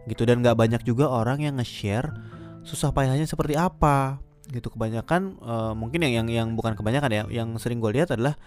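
A man's voice: medium pitch, fairly quick, a little mellow, soft background music. Man with a slight lisp, podcasting. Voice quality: slight lisp, slurred r sounds. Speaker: podcast host. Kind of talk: casual solo podcast talk giving opinions.

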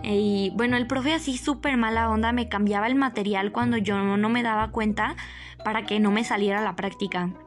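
A young woman with a Mexican Spanish accent telling a personal story in a casual, animated, dramatic way. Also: moderate pace, soft background music. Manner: animated, dramatic, jumps up in pitch for emphasis.

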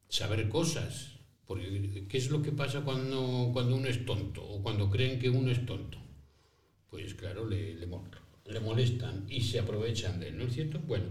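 A man's voice: medium pitch, a little mellow, natural voice. A man playing an old male priest who founded schools for poor children, telling his story in first person with rhetorical questions and little acted-out dialogues. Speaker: interviewee in character. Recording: roomy echo, voice from a distance.

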